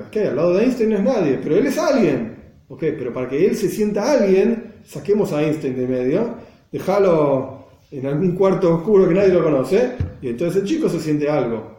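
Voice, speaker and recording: Argentine man, teacher, explains hebrew texts in class, high voice, mellow tone, echoey room. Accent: Argentine Spanish. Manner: reads Hebrew phrases then explains them, checks on the students.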